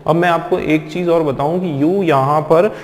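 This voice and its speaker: A man's voice: a little high, steady tone, normal speed. A man teaching a classroom lesson who spells words out letter by letter and addresses his viewers as friends. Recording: echoey room with long reverb.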